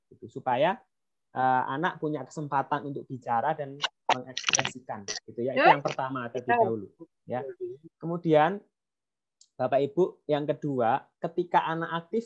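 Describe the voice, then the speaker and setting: A man speaking to parents in a webinar, telling anecdotes and acting out dialogue, with frequent fillers. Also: mid-range voice. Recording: dull lo-fi online audio.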